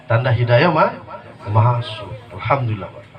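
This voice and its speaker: A man preaching to a gathering, telling his story in a lively, jokey way and acting out the people in it. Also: medium pitch, moderate pace, distant mic, muffled recording, a crowd in the background. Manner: lively, jokey, acts out quoted voices. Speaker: guest preacher. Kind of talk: humorous sermon storytelling. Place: religious gathering before an audience. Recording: live audience noise audible.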